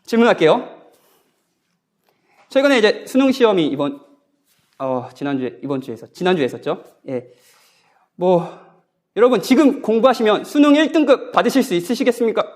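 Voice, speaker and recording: A man's voice: sits high, very animated, fairly quick, pauses often. A man, a guest pastor, preaching a sermon at a church Bible conference in a conversational way, often asking the congregation questions. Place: church sanctuary.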